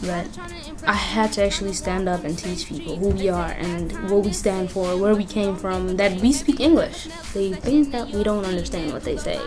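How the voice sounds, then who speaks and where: A Kenyan woman with a medium-pitched voice and moderate pace speaks candidly in an interview about her personal life, often saying "you know" and "like." The interview takes place at a community youth center, with music playing underneath.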